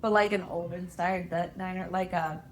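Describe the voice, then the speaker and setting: A woman's voice: fairly low pitch, steady tone, normal speed, slight background noise, low-quality recording. A young woman in her twenties co-hosting a podcast, chatting casually, laughing often and patiently explaining things. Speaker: podcast co-host. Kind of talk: casual chat.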